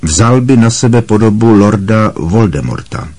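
A man voicing a kind, wry middle-aged male wizard teacher who speaks calmly and with gentle amusement. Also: fairly low pitch.

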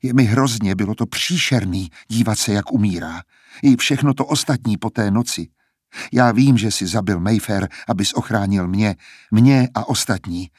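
A man's voice: on the low side, darkish tone, husky, no room sound, studio quality. A man reading aloud, voicing a frightened young woman singer who is anxious and pleading. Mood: shaken.

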